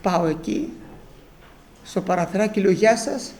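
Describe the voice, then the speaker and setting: An older man with a voice that sits high preaches, animatedly telling a personal story and acting out the shouting voices of the people in it. There is slight background noise.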